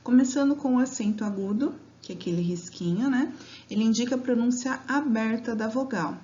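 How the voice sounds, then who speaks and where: Warm and fairly high-pitched, this teacher's voice leads children through grammar, patiently drawing words out syllable by syllable. She keeps asking "né?" and "tá?", and the home recording is dull and lo-fi.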